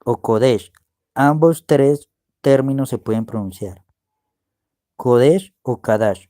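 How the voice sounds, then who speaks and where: Male preacher-teacher, unhurried and explanatory, dry close recording. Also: mid-range voice, dark tone, dry recording. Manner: slow, explaining, asks "¿ve?" often. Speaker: preacher teaching Hebrew words. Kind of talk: screen-share Bible word study.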